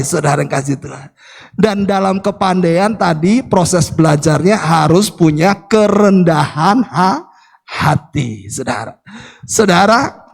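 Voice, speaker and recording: A middle-aged male pastor delivers an animated sermon, breaking into homely family anecdotes. His voice sits high for a man and carries a gravelly edge. The sound trails off in the long reverb of a church hall. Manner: animated storytelling, repeatedly addresses the congregation.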